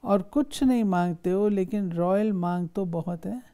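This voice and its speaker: A woman reading a spiritual discourse aloud, measured and instructive, often putting rhetorical questions to her listeners. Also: mid-range voice, dark tone.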